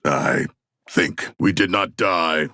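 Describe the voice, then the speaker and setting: A man voicing a hulking shark-man in a video game, gravelly, formal and articulate, earnest yet bloodthirsty, with stilted deadpan phrasing. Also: sits low, takes it slowly, no room sound, studio quality, exaggerated voice.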